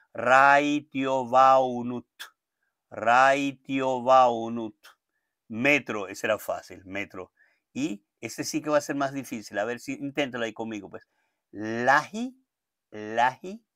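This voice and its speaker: A man teaching a casual language lesson, chatty and digressive, slowly repeating words so learners can copy them. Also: medium pitch, fairly bright tone, no room sound, studio quality.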